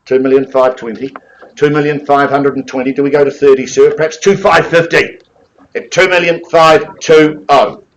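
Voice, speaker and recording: Coaxing male auctioneer, higher-pitched voice. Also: fairly even intonation, moderate pace, slight background noise, low-quality recording. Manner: repeats bid figures, coaxing bidders. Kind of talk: live property auction calling.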